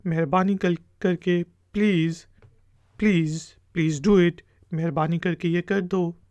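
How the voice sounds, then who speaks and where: A man's voice: high voice, fairly even intonation, slow pace, darkish tone, no echo. A man teaching a beginner language lesson, saying each phrase and then repeating it carefully for learners.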